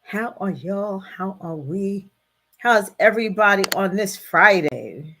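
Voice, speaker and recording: A woman's voice: mid-range voice, animated, takes it slowly, sharp tone, slight background noise. A middle-aged woman hosting a live stream, chatting casually and greeting viewers by name, with many fillers. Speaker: host of a live stream show.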